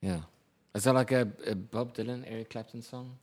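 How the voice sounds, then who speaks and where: A man's voice: medium pitch, fairly even intonation, moderate pace. A man co-hosting a casual podcast over beers, laid-back, with short dry replies. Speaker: podcast co-host.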